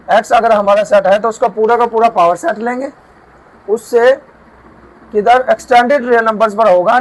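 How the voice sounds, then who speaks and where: High-voiced man teaching a math lesson. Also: poor audio. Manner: explains step by step, repeats and asks himself questions. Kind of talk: whiteboard math lecture. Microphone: camera mic while writing.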